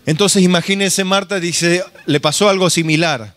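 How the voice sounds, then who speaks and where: A man's voice: high-pitched, fairly even intonation, normal speed, fairly bright tone, no echo. A male pastor with an Argentine accent giving an earnest sermon and often calling his listeners brother. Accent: Argentine Spanish.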